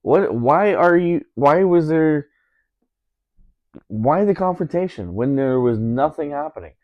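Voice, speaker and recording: A man's voice: on the high side, expressive, a little slow, dry recording, highs cut off. A man telling a story in a casual podcast chat, indignant, repeating himself with lots of fillers.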